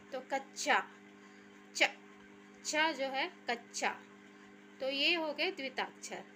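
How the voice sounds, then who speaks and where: Female teacher, high-pitched, unhurried, repeats key terms while explaining. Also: pushed and bright, slight background noise. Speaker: Hindi grammar teacher. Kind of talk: slow classroom explanation.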